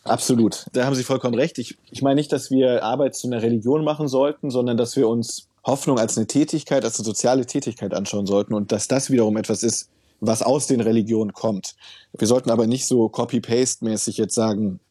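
Male researcher, measured and explanatory, warm husky tone, dry studio sound. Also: mid-range voice, fairly even intonation, no echo. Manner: thoughtful, explanatory, uses fillers. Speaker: work researcher, author. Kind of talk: interview answers.

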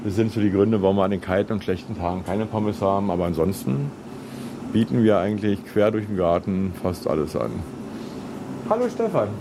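A man's voice: low-pitched, a little fast. A man talking in a chatty, colloquial and effusive way, like a kiosk vendor being interviewed. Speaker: swimming pool kiosk vendor. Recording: clearly noisy outdoor location.

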